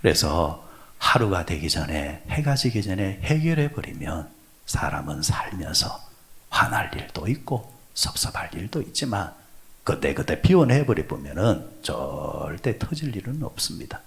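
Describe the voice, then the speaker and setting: A male pastor with a fairly low voice preaches at an early-morning prayer service. His pitch rises and falls a great deal as he puts questions to the congregation and answers them himself. He swings from loud exclamations to soft, breathy asides. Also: big pitch swings, a little slow. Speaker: senior pastor.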